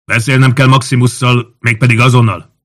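A man's voice: medium pitch, level tone, pitched above the performer's own voice, close to an everyday voice. A resolute young Roman centurion from an audiobook, commanding and curt, his voice raised a little above the reader's usual tone, as a male narrator plays him. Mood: firm. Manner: firm, commanding.

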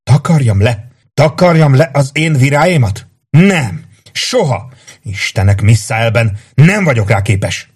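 A man's voice: on the low side, lively intonation, long pauses, dark tone, breathy edge. A man voicing a grief-stricken young warrior in an audiobook, raw and anguished.

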